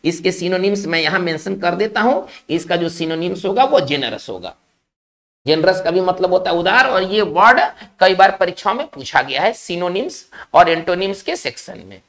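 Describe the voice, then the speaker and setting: A male teacher giving a spelling lesson, explaining slowly, repeating key words and checking in with his class. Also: high voice, animated, a bit bright.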